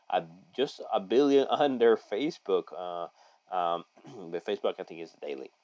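Deep-voiced man giving a halting screen-share lesson. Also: darkish tone, dry recording. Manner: halting, many fillers and restarts, folksy asides. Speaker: local online marketing consultant. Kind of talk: screen-share tutorial, reading an article aloud with commentary. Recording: dry, slightly dull audio.

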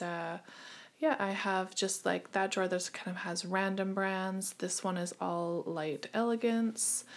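A woman casually showing her nail supplies, talking in a relaxed way with lots of ums and uhs, recorded on a handheld phone in a small room at home. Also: mid-range voice, vocal fry. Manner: relaxed, many fillers and hesitations. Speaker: nail artist giving a desk tour. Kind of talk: casual show-and-tell narration.

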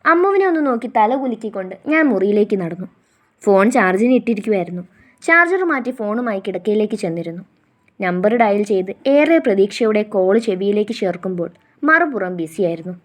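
A woman reading a first-person romantic story aloud in a soft storytelling way. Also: medium pitch, big pitch swings, a little fast. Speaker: story narrator.

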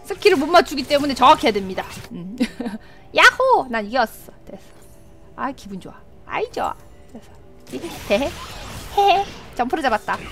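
Shrill, animated female game streamer. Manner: animated, yelps and laughs, talks to the screen. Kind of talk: excited gameplay commentary.

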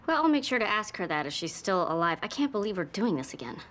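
A woman's voice: mid-range voice, sing-song, fast, fairly bright tone. An actress playing a dry, sardonic witch sister in a TV fantasy drama. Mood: wry, exasperated.

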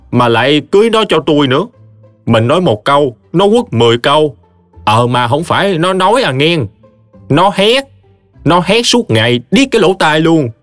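A man's voice: on the high side, dry recording, pitched above the performer's own voice. A man voicing a brash, blustering young husband from a village, ranting. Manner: loud, ranting, complaining.

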